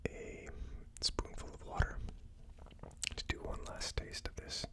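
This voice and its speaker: Whispering softly and slowly, a whiskey tasting channel host muses through a tasting review in ASMR style.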